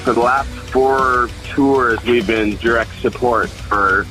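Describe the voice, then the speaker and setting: Another touring band member talks casually in an interview, loose and laid-back, with plenty of fillers and restarts. His mid-range voice has fairly even intonation and a slow pace. Music runs in the background of a low-quality recording.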